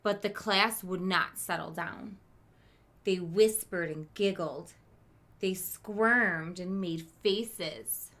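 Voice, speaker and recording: A woman teacher reading a storybook aloud to children, expressive, with chatty asides to her listeners. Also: lowish voice, slow pace. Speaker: elementary school teacher.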